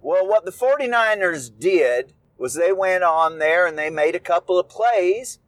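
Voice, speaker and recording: A drawling TV sports analyst, mimicked by a man, lays out obvious plays in a folksy, put-on voice. The pitch sits a little above the man's own, and the words swing up and down. It is recorded close and dry. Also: animated, measured pace, no room sound. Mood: smug.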